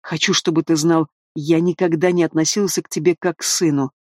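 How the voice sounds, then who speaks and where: A man's voice: a little high, steady tone, a little fast, darkish tone, no echo, clean studio sound, close to an everyday voice. A man voicing a dying, spiteful dragon king father in an audiobook, bitter and mocking.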